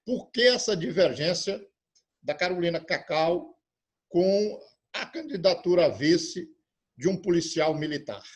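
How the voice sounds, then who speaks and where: A man's voice: sits high, expressive, husky. A man with a Brazilian Portuguese accent hosting an online interview, introducing his guest with frequent hesitations and filler sounds. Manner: halting, many filler sounds. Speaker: interviewer and host.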